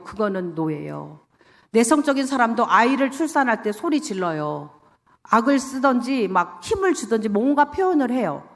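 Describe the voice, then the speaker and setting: A pastor's wife giving a lively sermon testimony in a church, acting out her own quoted words as she tells the story. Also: a little high. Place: church sanctuary. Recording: church hall reverb, livestream.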